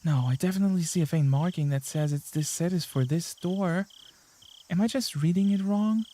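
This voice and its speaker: A frantic teenage girl's racing inner voice, read out by a man in his own fairly high register. Tense and jittery, she keeps talking herself down from panic. It sounds like a visual novel read aloud. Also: normal speed, mellow, lightly acted. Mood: panicked. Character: panicking teenage girl sneaking through a school.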